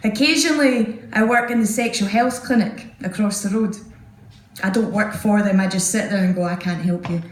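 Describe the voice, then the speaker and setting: A woman's voice: medium pitch, normal speed. A Scottish woman doing a live stand-up set, telling chatty, self-mocking stories into a stage mic. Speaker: stand-up comedian. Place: small bar stage, indoors. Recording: echoey live venue.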